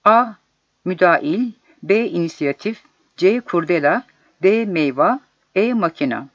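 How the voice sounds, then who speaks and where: A man with a high voice reads exam questions and their solutions aloud in a measured, deliberate way. The recording is dull and lo-fi and very dry, with no room sound at all. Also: lively intonation, a bit bright, no echo. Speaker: exam prep narrator.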